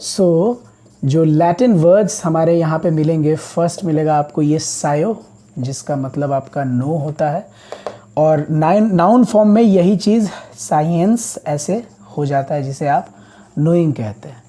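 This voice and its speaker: A man's voice: fairly high pitch, a little slow, mellow. A man teaching English vocabulary as a classroom lecture, explaining words patiently, step by step.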